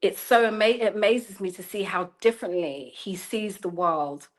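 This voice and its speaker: A woman's voice: mid-range voice, moderate pace. A woman in her thirties, a journalist, speaks reflectively in an interview, searching for words and often saying "you know" as she goes. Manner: thoughtful, searching, with frequent "you know" and restarts. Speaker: guest, journalist and storyteller. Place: lives in China.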